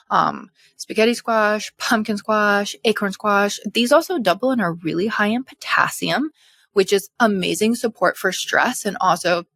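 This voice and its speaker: A young woman in casual educational talk, chatty and animated, a little out of breath, as a hormone health coach. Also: mid-range voice, creaky, dry recording. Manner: chatty, animated, full of fillers. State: slightly out of breath.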